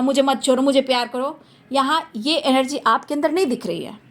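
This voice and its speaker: A woman doing a tarot reading for her viewers, talking emphatically and repeating phrases for stress. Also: high voice. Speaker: tarot reader.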